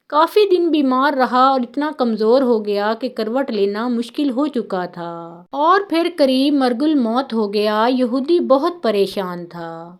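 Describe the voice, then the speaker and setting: A woman narrating religious stories in a calm, measured, scripted way. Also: a little high. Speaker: storyteller.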